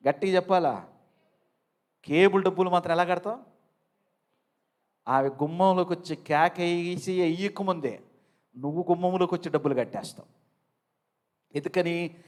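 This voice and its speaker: A pastor preaching a sermon in church, often asking his congregation to answer loudly, swinging from soft, slow lines to loud, emphatic bursts. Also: fairly high pitch. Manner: calls on the congregation to answer aloud.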